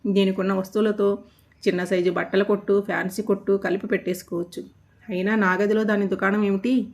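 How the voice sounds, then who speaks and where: A woman narrating a love story in the first person with an even, descriptive reading. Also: medium pitch, a little fast.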